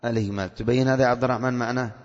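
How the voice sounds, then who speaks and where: A man teaching a religious lesson, quizzing his students by name and asking quick questions in a lecture style. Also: medium pitch, fairly even intonation. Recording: muffled hall recording with long echo.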